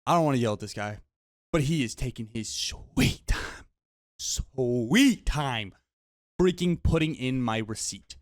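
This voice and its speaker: A man's voice: medium pitch, animated, measured pace, no room sound, studio quality. A young man telling a storytime vlog, exasperated and rambling, repeating words and using slang. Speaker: vlogger.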